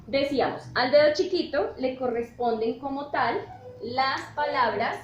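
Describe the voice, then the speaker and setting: A woman talks through a grammar lesson at an unhurried pace, stopping often to check that her class is following. Her voice sits a little high and rings in an echoey room with a faint hiss behind it. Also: muffled recording. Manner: slow and patient, checks in often with "¿listo?". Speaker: teacher.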